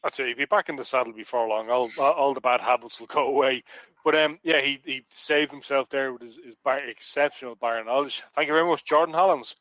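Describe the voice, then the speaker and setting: Irish man, podcast host, quick talker, dry close sound, jokey casual chat. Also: mid-range voice, a bit bright, dry recording, poor audio. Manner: jokey, plugging merch with restarts.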